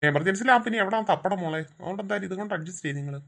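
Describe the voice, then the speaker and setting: A woman's voice: on the low side, very fast, creaky, very noisy. A woman voicing an anxious father searching for his daughter in a cartoon, calling out and worried. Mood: reassuring. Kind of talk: cartoon voice acting.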